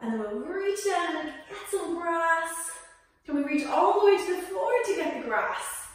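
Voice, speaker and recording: A woman's voice: very high-pitched, animated, moderate pace. A woman teaching a children's yoga class. She is playful and sing-song and makes animal sounds along the way. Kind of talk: guided yoga lesson for children. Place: indoor room. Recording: echoey room, voice from far off the mic.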